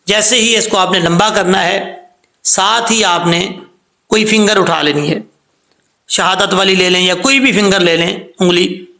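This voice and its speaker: A man with a high, bright, gravelly voice teaches Quran recitation with patient step-by-step explanations. He stretches words slowly and breaks into melodic chanting for the verses, and the room around him is echoey. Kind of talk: tajweed lesson.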